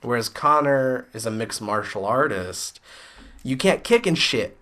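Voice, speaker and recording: Male co-host, blunt and profane, mid-pitched, easygoing chat. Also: lively intonation, a little slow, bright, forceful tone. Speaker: podcast co-host. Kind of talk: casual chat.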